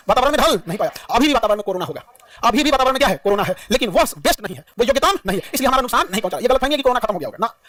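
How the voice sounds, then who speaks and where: High-voiced, fast-talking male teacher. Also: fairly bright tone. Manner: repetitive, quizzing, humorous. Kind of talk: classroom lecture. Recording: dry, mic at a distance.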